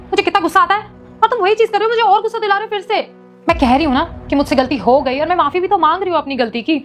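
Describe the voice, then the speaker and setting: A woman playing a hot-tempered young wife in a short domestic drama, who scolds, justifies herself and pleads. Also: extremely high pitch. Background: faint background music.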